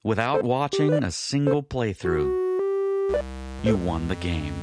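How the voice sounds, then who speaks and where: A man voicing a grandiose, bombastic announcer with drawn-out delivery for a scripted podcast intro. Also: fairly low pitch, sing-song, over loud music. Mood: solemn, dramatic.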